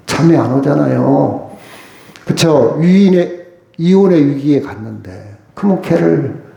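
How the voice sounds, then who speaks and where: A man preaching a sermon as a pastor, with lively emphasis and frequent rhetorical questions. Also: mid-range voice, gravelly, roomy sound. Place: church sanctuary.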